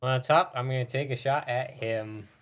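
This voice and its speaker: A man's voice: medium pitch, moderate pace, fairly bright tone, muffled recording, slight background noise. A man playing a tabletop role-playing game, talking casually through his moves. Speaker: player in a tabletop RPG.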